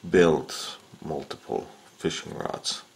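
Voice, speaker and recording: A man with a rumbling low, gravelly voice talks slowly through fishing rod repair. It's a casual, unhurried how-to demonstration at an indoor workbench, filled with frequent filler sounds.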